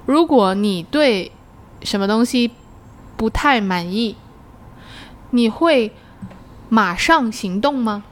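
Unhurried woman hosting a casual chat. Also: on the high side, animated. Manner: mixes English words into Mandarin. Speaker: host asking questions. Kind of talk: casual conversational discussion.

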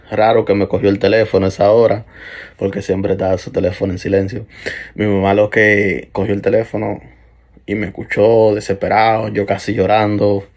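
A man's voice: fairly low pitch, creaky, darkish tone. A young man earnestly telling a first-person story of a night-time shadow being, with hesitant restarts.

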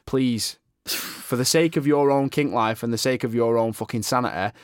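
A man's voice: mid-range voice, normal speed, clear, resonant tone, no room sound, studio quality. A man, co-hosting a casual podcast, blunt and full of swearing. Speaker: podcast co-host.

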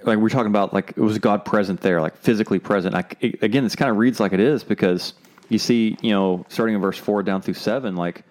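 A man's voice: on the low side, a little fast, a little mellow. A young man co-hosting a casual Bible discussion, talking loosely with lots of fillers like "like" and "um". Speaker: podcast co-host.

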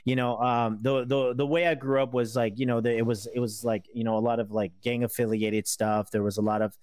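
A man in his thirties talking casually as a guest, rambling and halting with many fillers and restarts. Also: mid-range voice, level tone, darkish tone, smooth, no echo. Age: 30s. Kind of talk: casual conversation.

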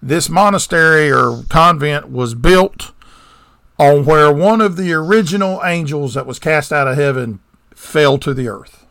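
Southern podcast co-host, a rambling storyteller with a gravelly edge, recorded dry. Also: male voice, on the high side, measured pace, fairly bright tone, dry recording. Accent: Southern American. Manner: rambling storyteller with digressions and sarcastic asides. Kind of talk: casual chat, retelling a movie plot.

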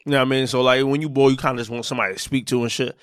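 A man's voice: medium pitch, fairly even intonation, rapid-fire, fairly bright tone, clear, resonant tone, dry recording. Chill twenties guy rambling casual, lots of "like", dry mic. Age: 20s. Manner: laid-back slangy talk with frequent fillers. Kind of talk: casual podcast chat.

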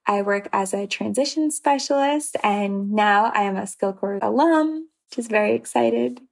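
A woman's voice: medium pitch, normal speed, creaky, a little mellow. Upbeat woman introducing herself. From New York. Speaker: transition specialist.

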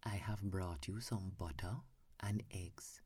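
A cunning wolf with a low, hushed, silky voice, as a man whispers him in a bedtime tale. He talks slowly and mildly, breathy and dark in tone, as if coaxing someone closer. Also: fairly even intonation, no room sound, heavily acted. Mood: sly. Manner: soft whispered bedtime delivery. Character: sly hungry male wolf, smooth-talking.

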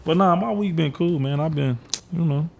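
A man's voice: fairly high pitch, moderate pace, creaky, darkish tone, slightly rough. A man guesting on a podcast, bluntly chiming in with profane remarks. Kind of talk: casual podcast chat.

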